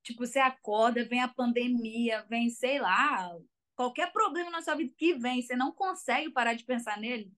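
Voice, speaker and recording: A woman's voice: fairly high pitch, normal speed, fairly bright tone. A young Brazilian woman with a Brazilian Portuguese accent, chatting casually as an interview guest and telling her story with lots of fillers. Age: young adult. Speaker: guest, college soccer player.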